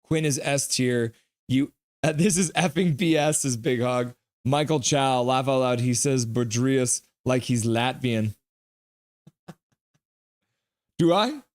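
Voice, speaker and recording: This live hockey stream host, a man with a mid-range voice, voices viewers' chat comments with casual jokes. He also launches into quick play-by-play when the game heats up.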